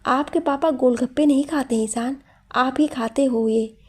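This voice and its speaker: A woman voicing Vasundhara, a quiet, reserved young mother who speaks softly, in a storybook narration. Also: high-pitched, unhurried, slightly rough. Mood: gentle. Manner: quiet, soft-spoken.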